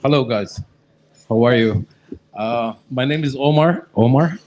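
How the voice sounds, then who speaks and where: A man's voice: mid-range voice, unhurried, noisy background. A man from Egypt, a visiting entomologist, explaining his work in casual talk, often starting with "okay, so" and using phrasing. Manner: frequent "okay, so", non-native phrasing. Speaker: guest expert, entomologist. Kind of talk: casual talk at a discussion event.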